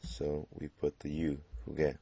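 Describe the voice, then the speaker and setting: A man teaching a Spanish grammar lesson, explaining patiently and pausing on fillers as he works through examples. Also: deep voice, a little mellow, no echo. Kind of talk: classroom grammar lecture. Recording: dull lo-fi classroom recording.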